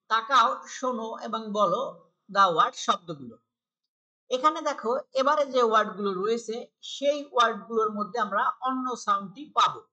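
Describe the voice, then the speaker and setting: A woman with a Bangladeshi accent teaching a primary school English lesson, reading each English line slowly and then explaining it patiently, repeating words for practice. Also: on the high side, sharp tone, low-quality recording. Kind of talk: textbook lesson for young pupils.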